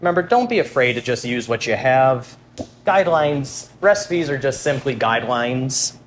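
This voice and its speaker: A man with a mid-pitched voice hosts a cooking show. He chats informally through each step while he works. There is clear noise behind him. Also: expressive, normal speed. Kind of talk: casual cooking demonstration to viewers.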